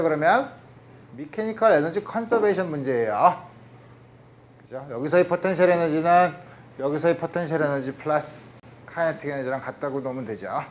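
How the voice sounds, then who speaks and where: A male physics lecturer talking through problems step by step at a university lecture and checking in with the class. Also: fairly high pitch. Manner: explains step by step, often asking "그죠?" and mixing in English physics terms.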